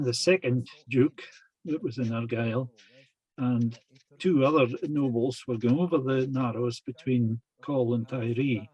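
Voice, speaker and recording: A man giving a lecture that retells traditional tales, speaking in a halting, deliberate way. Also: mid-range voice, a little mellow, slightly rough, rough recording.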